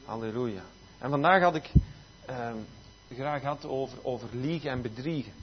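A man's voice: mid-range voice, normal speed. A man preaching a church sermon, emphatic and dotted with amen and halleluja. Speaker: pastor. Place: church service. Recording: dull lo-fi recording.

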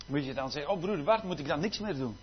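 A man preaching a sermon, swinging from loud exclamations to quiet asides, with frequent hallelujahs. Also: a little high, expressive, quick pace, highs cut off, a little hiss or hum.

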